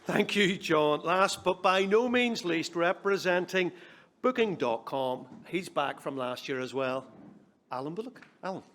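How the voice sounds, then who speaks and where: A man's voice: fairly high pitch, lively intonation, unhurried, background noise. A man compering a conference event, introducing the next speaker in an upbeat, announcing way.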